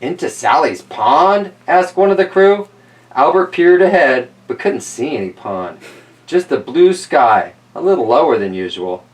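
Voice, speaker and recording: Fairly high in pitch with big swings, he reads the children's book at a moderate pace and adds playful, wry commentary. He's far from the microphone.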